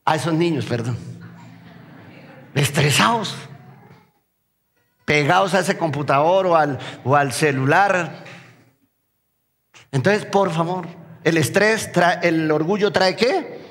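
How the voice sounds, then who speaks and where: A Colombian pastor with a high, ringing voice delivers a lively sermon, firing rhetorical questions at his congregation. His words echo through a church sanctuary with a long, lingering reverb. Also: takes it slowly, pauses often.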